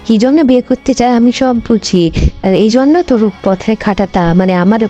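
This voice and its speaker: A woman voicing an angry, suspicious middle-aged mother who scolds and accuses quickly. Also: fairly high pitch, dark tone, highs cut off, soft background music, natural voice. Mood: angry accusing.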